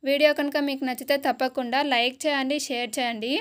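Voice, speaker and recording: A woman with a Telugu accent teaching an exam-preparation lesson, listing terms slowly one by one. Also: high-pitched, steady tone, clean tone.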